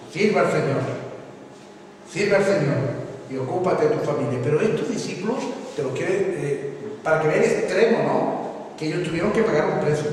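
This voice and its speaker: A man's voice: fairly high pitch, a little mellow. Brief: emphatic male preacher, recorded from a distance in a reverberant hall with faint noise. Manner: emphatic, repetitive preaching, addresses congregation as brother. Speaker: pastor. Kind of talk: sermon. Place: church hall. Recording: echoey church hall from far off.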